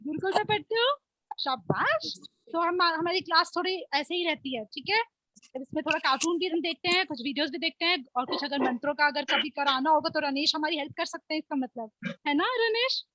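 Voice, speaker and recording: Bright high-voiced woman teaching a class. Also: animated, slight background noise. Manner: playful, encouraging, drills words slowly and clearly. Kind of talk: online class word game. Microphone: video call.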